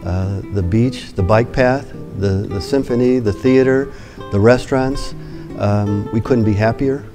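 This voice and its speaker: A man in his sixties giving a seated testimonial in a measured way, with hesitant pauses. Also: medium pitch. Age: 60s. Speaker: award recipient, homeowner. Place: indoor parlor with piano. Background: prominent guitar music.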